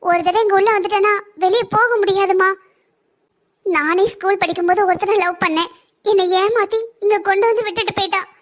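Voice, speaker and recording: A woman voicing a weary woman who has been trapped for years, warning softly and with resignation in a cartoon story. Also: very high voice, steady tone, a little fast. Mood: resigned. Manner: gentle, hushed, resigned warnings.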